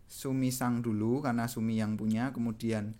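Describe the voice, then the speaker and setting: An Indonesian-accented man explains grammar at a steady pace, with a patient and repetitive teaching manner. He circles back to each point and checks in with the learners as he goes. His pitch sits in an ordinary middle range. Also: moderate pace. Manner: patient, repeats points often with "gitu ya". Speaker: Japanese language teacher.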